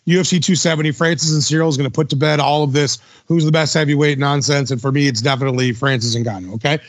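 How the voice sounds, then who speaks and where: A man's voice: fairly high pitch, steady tone, fast, no room sound, clean studio sound. A man hosting a podcast in casual chat, enthusiastic and full of slang like dude and bro. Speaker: podcast host.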